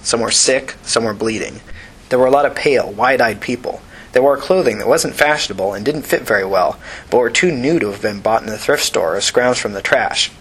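A man narrating an audiobook in a steady, even reading voice. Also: medium pitch, brisk, slightly rough, rough recording.

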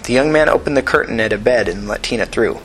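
A man narrating an audiobook in a steady, even reading voice. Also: mid-range voice, fast, slight background noise, low-quality recording.

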